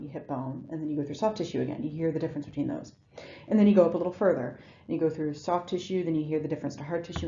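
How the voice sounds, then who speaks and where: A woman's voice: low-pitched, mellow, lo-fi sound. A woman giving a recorded lecture in a conversational way, with frequent ums and restarts. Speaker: instructor.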